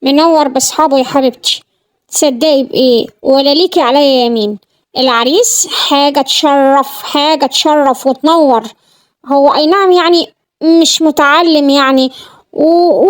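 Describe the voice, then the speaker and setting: A woman playing a shrill boastful groom's mother. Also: lightly acted. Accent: Egyptian Arabic. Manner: gushing, shrill sudden outbursts. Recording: echoey room, mic at distance, faint hum.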